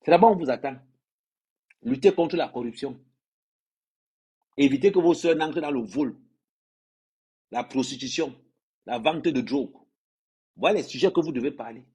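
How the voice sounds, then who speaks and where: There are long pauses as this Cameroonian influencer, on a livestream, lectures and scolds his audience, leaning on repeated phrases. He speaks at normal speed in a mid-range voice that is mellow and husky.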